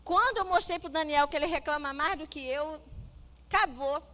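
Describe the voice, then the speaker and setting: A middle-aged Brazilian woman, a psychologist, giving a lively church talk on parenting and acting out family dialogue as she tells stories. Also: high-pitched, moderate pace. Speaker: guest speaker, psychologist.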